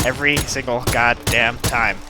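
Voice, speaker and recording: An American let's play host with a medium-pitched, steady voice gives casual, rambling, wry commentary at a moderate pace. Loud video game gunfire and ambience play behind him, along with music.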